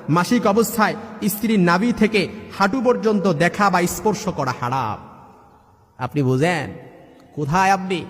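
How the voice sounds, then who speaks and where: High-voiced man preaching in a reverberant hall. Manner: emphatic, lists rulings by number and recites verses. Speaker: Islamic preacher. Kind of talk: sermon.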